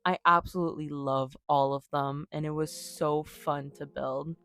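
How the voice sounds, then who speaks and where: Low-pitched and fairly bright in tone, this young woman keeps an even intonation at normal speed. A native French speaker, she's a YouTuber casually walking through her game build in a cheerful, chatty voice-over that pokes fun at herself.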